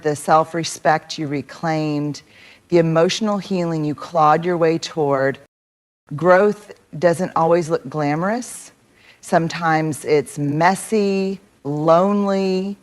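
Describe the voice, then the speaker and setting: A woman delivers a motivational speech in a low voice. She speaks slowly and deliberately, stressing each phrase and building her points through rhythmic repetition. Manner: measured, emphatic delivery with rhetorical repetition.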